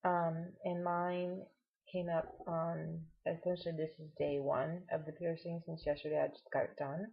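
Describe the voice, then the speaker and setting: Speaking at a moderate pace in a level tone, this woman vlogger chats to camera with a lowish, husky voice, sharing a personal update and reassuring advice. Her speech sounds as if her tongue is swollen, and the lo-fi home-video recording is dull and muffled.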